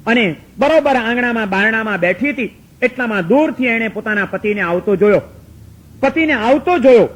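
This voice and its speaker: Preacher, male, high voice, emphatic and repetitive sermon storytelling, rhetorical questions. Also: poor audio.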